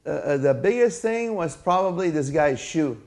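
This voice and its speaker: A Syrian man who sells fried food at a fair chats casually as an interview guest, telling stories in a high-ish, animated voice with a darkish tone at normal speed. He's talkative and jokey and often repeats his phrases.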